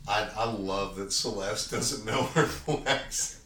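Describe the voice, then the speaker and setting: A man's voice: lowish voice, a little slow, bright, forceful tone, distant mic. A man playing a tabletop game, joking and swearing freely in casual chat. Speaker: player. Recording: echoey room.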